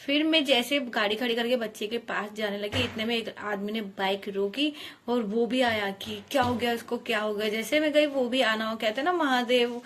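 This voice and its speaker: A woman's voice: a little high, moderate pace, noisy background. Earnest chatty woman vlogger. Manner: earnest, chatty, addresses viewers as guys. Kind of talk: casual storytelling to camera.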